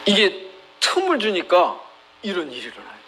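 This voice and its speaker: High, bright-voiced male pastor preaching. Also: huge pitch swings, normal speed, slight background noise, rough recording. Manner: dramatic retelling with acted quotes, emphatic. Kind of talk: sermon.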